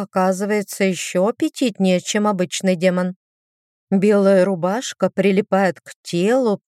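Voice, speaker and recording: A woman narrates a first-person romantic fantasy audiobook in an expressive, gently ironic storytelling voice. Her pitch sits in a middle range. The recording is dry and close, with no room sound. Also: no room sound.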